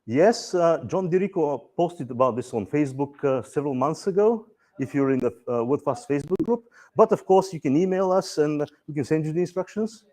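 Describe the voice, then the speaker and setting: Talking a little fast in a fairly high voice, a man with a Bulgarian accent walks a conference audience through software features. He's relaxed and dryly funny, often using fillers and restarting sentences.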